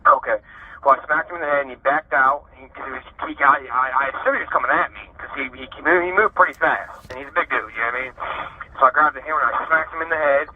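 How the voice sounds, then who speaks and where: Over a tinny prison phone line, a mid-range male voice tells his own story candidly. He's an inmate in his thirties from Ohio, USA, being interviewed, and he speaks haltingly, full of fillers and restarts.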